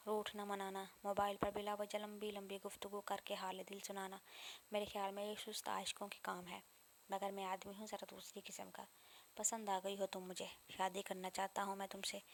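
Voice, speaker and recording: A woman's voice: mid-range voice, gravelly, a little hiss or hum, natural voice. A woman reading a brash, teasing young policeman. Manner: teasing and self-assured. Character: brash confident young male police officer suitor.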